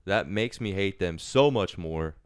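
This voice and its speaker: Low-voiced man in profane sports chat. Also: lively intonation, a little slow, clean tone, no echo, clean studio sound. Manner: profane, blunt. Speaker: podcast host.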